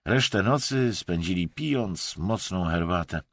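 A man narrating an audiobook in an expressive, measured way. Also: low-pitched, no echo, clean studio sound.

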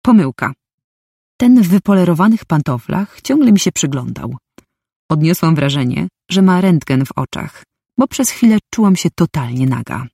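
A woman's voice: low voice, sing-song, normal speed, creaky, mellow, husky, no echo, clean studio sound. A woman reading a first-person story aloud, with a wry, inner-monologue manner. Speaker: audiobook narrator.

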